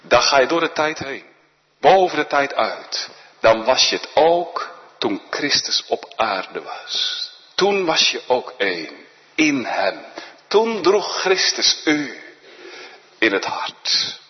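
A man preaching a sermon in a solemn, earnest manner, often dropping to a hushed voice. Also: medium pitch, very animated, slow pace. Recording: dull echoey church recording.

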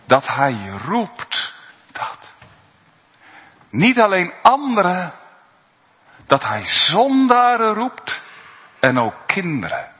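A man preaches slowly and deliberately, his pitch leaping high and dropping low. The recording is muffled and lo-fi, and a long reverb trails every phrase in the church. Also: wildly swooping pitch. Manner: earnest preaching, swinging from soaring high cries to hushed low tones. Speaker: pastor. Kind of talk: sermon.

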